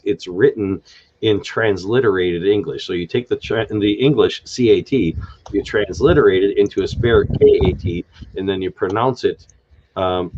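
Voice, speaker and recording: A man's voice: low-pitched, darkish tone, muffled recording, a little hiss or hum. A man hosting an unscripted live stream, thinking aloud with many fillers and restarts as he explains a made-up language.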